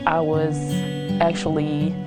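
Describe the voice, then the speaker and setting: Low, flat-voiced woman testifying. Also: slow pace. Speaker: interviewee, mother. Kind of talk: plain personal testimonial. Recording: guitar music laid under the voice.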